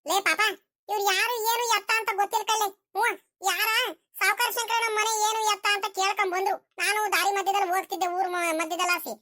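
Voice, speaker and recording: Woman as fussy old mother, cartoon, scolding, very high and quick. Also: steady tone. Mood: impatient scolding. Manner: scolding, calls out loudly.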